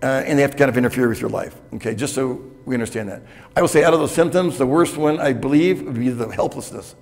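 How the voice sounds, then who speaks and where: A man's voice: medium pitch, fast, gravelly, a little mellow. A man in his sixties giving a candid, conversational keynote talk to a conference audience, often checking in with "okay?", on a lapel mic. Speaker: keynote speaker. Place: hotel conference room with audience. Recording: reverberant conference hall.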